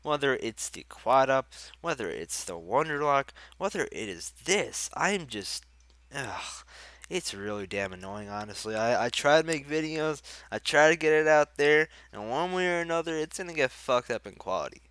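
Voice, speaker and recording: A young gaming YouTuber with a cold sounds stuffy and congested as he rambles, chats and swears while commenting casually over his gameplay. His medium-pitched voice is lively in intonation, a bit bright and clean, at normal speed. The recording is dry.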